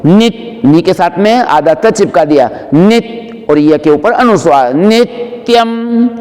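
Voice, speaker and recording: A man teaching the pronunciation of a Sanskrit prayer. He explains the syllables briskly and then chants each word slowly and drawn out. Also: fairly high pitch, lively intonation, darkish tone, long reverb tail.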